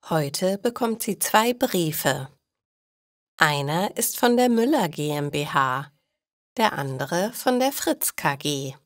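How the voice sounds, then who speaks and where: A woman reading stories for language learners in a slow, clear and deliberate scripted narration. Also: lowish voice, dry recording, clean studio sound.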